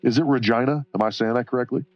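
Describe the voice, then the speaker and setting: At a quick pace and with a steady tone, a man of medium pitch chats casually while streaming his coloring, rambling, cursing, laughing often, and reading chat aloud. The sound has no echo but is slightly dull, with faint background music.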